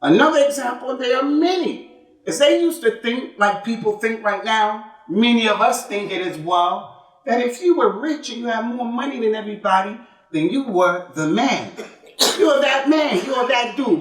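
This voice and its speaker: This Friday sermon comes from an imam whose voice sits high and sounds animated, moving at a moderate pace. He speaks emphatically in English sprinkled with Arabic religious terms, restating points and asking rhetorical questions. The mosque hall echoes, and the mic is some distance away.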